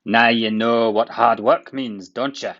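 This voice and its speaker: A man's voice: mid-range voice, steady tone, measured pace, fairly bright tone, dull audio, pitched above the performer's own voice. A man voicing a big, grumpy express engine in a children's storybook, cross and mocking, with emphatic delivery. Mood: smug, chuckling.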